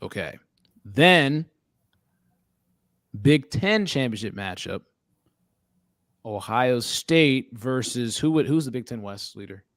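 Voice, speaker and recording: A man's voice: mid-range voice, expressive, slow pace, long pauses, fairly bright tone, no room sound, studio quality. A man hosting a casual sports talk show, leading the talk and quizzing his co-hosts in a joking way. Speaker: podcast host.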